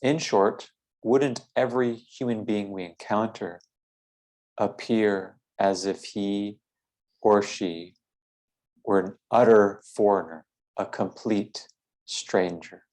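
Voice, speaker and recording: A man guides a philosophical meditation, speaking in a measured, deliberate way with formal phrasing and frequent pauses. His voice is fairly low in pitch and a little mellow.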